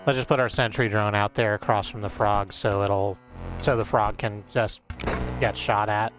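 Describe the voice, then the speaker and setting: A man's voice: fairly low pitch, fairly even intonation, moderate pace, poor audio. Man rambling through game commentary. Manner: rambling, thinking aloud. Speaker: game streamer. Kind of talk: casual game playthrough commentary. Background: music.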